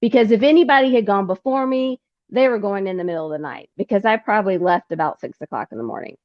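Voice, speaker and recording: Animated woman telling her story, laughing. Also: mid-range voice, fast talker, no room sound, lo-fi sound. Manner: animated, acts out dialogue with laughs. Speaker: podcast guest, pilgrim. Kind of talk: casual storytelling.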